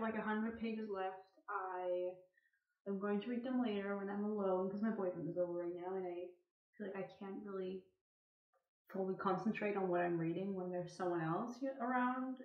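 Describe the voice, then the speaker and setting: A woman's voice: mid-range voice, moderate pace. A young woman giving a casual, blunt, exasperated book reaction vlog in a tiled bathroom, picked up from a little distance. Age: young adult. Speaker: book vlogger. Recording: roomy, distant, dull sound.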